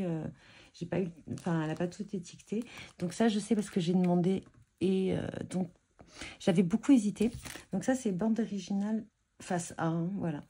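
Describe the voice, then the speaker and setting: Woman vlogger, lowish mellow voice, relaxed show-and-tell, lots of ums and restarts. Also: a little hiss or hum. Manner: chatty and hesitant, many fillers and restarts. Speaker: scrapbooking vlogger showing purchases. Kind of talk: casual show-and-tell chat.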